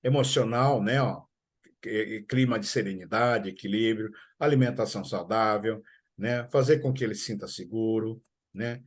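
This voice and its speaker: A middle-aged man with a Brazilian Portuguese accent, a school coordinator giving parents advice on a live stream and acting out family talk in quick asides. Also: lowish voice.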